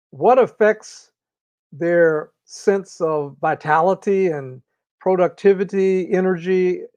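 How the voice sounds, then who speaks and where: Man, interview guest, fairly high voice, measured and deliberate, dry dull lo-fi recording. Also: darkish tone, no room sound. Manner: measured and deliberate, with drawn-out pauses. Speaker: interview guest, organizational consultant. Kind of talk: reflective conversational explanation.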